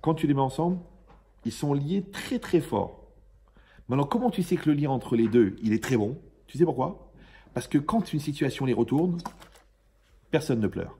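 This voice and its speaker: A man's voice: mid-range voice, animated, moderate pace, pauses often, dark tone, husky. A man, a rabbi, giving an informal Torah lesson to a live audience, joking and quizzing his listeners as he goes. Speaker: rabbi teaching a class.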